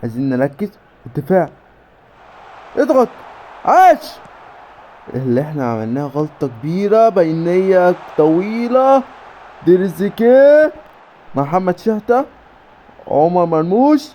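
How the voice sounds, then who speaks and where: An Egyptian man commentating his own football video game match with rapid bursts of player names and cheering. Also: a little high, expressive, slight background noise. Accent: Egyptian Arabic. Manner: rapid name-calling bursts, cheering shouts. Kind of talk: excited play-by-play game commentary.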